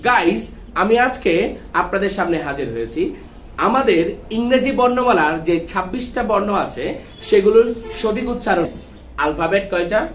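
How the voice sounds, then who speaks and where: A man teaching English letter pronunciation, quizzing his class with repeated questions. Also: high-pitched. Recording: echoey room with faint noise.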